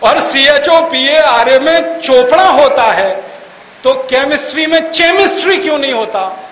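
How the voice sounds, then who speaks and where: This man speaks in a very high, fairly bright voice and keeps a measured pace. He lectures an audience mockingly and argumentatively, firing off rhetorical questions and spelling words out letter by letter, while the echoey hall carries a faint hiss.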